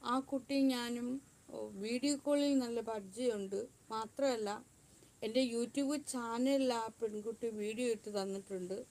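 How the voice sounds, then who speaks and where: A woman's voice: a little high, darkish tone. A woman in a defiant vlog monologue who repeats herself and speaks of herself in the third person. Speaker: YouTube channel owner.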